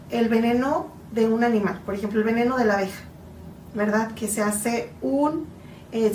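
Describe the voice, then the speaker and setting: A woman's voice: a little high, echoey room. Woman, 40s, from Mexico, guest therapist, earnest explanations, distant from mic, faint noise. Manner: earnest, explanatory, slow in places. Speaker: guest psychotherapist. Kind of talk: interview answers.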